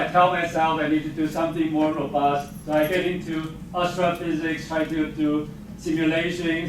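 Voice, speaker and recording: Speaking English with non-native grammar, a slightly high-voiced Taiwan-born man, a geophysics professor, gives a relaxed faculty talk in a lecture hall. He often chuckles and downplays himself. Heavy hall echo, a distant microphone, and noise fill the recording.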